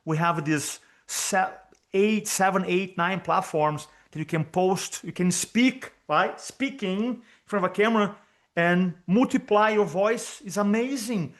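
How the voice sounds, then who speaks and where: Appearing as a guest on a video call interview, a speaking coach from Brazil talks energetically and repeats his main points to drive them home. He's a native Portuguese speaker with a Brazilian Portuguese accent, and his voice is high-pitched, a bit bright, and unhurried.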